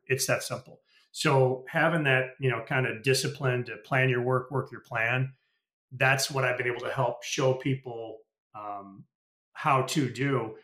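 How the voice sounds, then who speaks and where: A man's voice: mid-range voice, a bit bright. A middle-aged man, a podcast guest and retired sales executive, telling candid work stories in a casual, rambling way. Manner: candid, anecdotal, many restarts and "you know". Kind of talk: casual storytelling interview. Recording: roomy echo.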